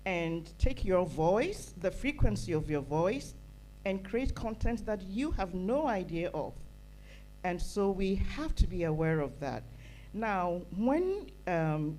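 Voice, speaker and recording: In a conference hall, a woman from Ghana stands among the audience with a handheld microphone, speaking with earnest emphasis and building through repeated phrases. Her voice sits on the low side and sounds a little mellow. There's slight background noise, and overall audio quality is poor.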